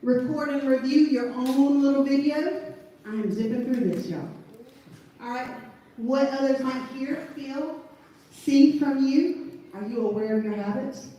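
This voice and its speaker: A woman with a deep Southern US accent gives an informal motivational training talk, folksy and emphatic, often checking in with short tags. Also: a little slow, dark tone, muffled recording. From southern United States. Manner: folksy, emphatic, repeats check-in tags like okay and all right. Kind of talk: informal motivational presentation to a group. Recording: echoey room, distant mic, faint noise.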